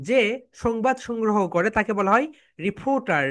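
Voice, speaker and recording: A woman teaching English, explaining in Bengali and slowly repeating English phrases for her students to chant back. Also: fairly high pitch. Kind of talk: online classroom lesson.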